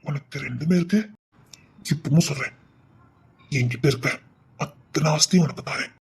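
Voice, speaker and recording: A man with a Tirunelveli accent playing a scheming, possessive male villain who drops into slow, low, coaxing threats in a dramatic serial. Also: creaky, slightly rough, heavily acted. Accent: Tirunelveli Tamil.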